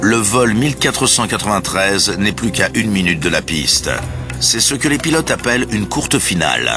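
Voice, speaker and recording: A man's voice: lowish voice, animated, moderate pace. A man reading scripted documentary narration in French. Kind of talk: scripted narration, present tense. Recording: music bed behind the voice.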